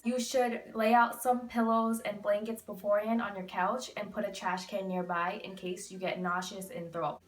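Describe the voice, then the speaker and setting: A woman in her twenties chatting casually to camera, explaining things with candid, emphatic asides. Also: medium pitch. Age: 20s. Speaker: vlogger giving recovery advice. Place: small bedroom, indoors. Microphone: camera a few feet away. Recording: echoey room, distant microphone.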